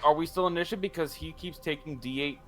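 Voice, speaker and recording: A man in a casual tabletop game who hesitates and restarts his sentences. Music plays clearly behind his voice. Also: fairly high pitch, quick pace. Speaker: player.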